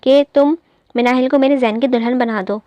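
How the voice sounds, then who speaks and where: A woman's voice: sits high, fairly even intonation, fairly quick, dry recording, lo-fi sound, natural voice. A woman voicing an affectionate middle-aged mother who teases and scolds her son fondly. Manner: fond, scolding.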